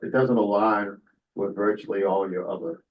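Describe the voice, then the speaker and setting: Man, board member, deepish voice, hesitant questioner, dull recording. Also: fairly even intonation, normal speed, a little hiss or hum. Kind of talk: questioning at a public meeting.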